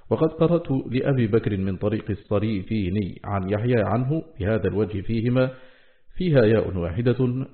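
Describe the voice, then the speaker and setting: A man with a low voice recites a scholarly text in an even, measured way. He slows down to spell out each quoted word. The sound is thin and narrow, like a phone line. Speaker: reader of a classical text.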